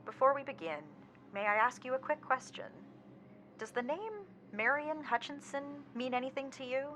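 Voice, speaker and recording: Bright-edged synthesized phone voice of a dying woman, formal and unreadable, a woman doing it. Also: sits high, moderate pace. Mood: flat urgent.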